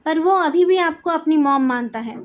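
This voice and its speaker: A woman's voice: sits high, moderate pace, close to an everyday voice. A woman voicing a defiant young woman who stands up to her parents, in a fan story read aloud.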